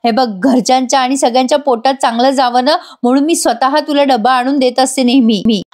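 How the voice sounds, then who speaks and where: A woman's voice: high-pitched, steady tone, fairly quick, darkish tone, natural voice. A woman voicing a sassy young wife who teases her husband and dodges his questions in chatty, playful talk. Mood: teasing. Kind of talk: acted voice in an episode recap.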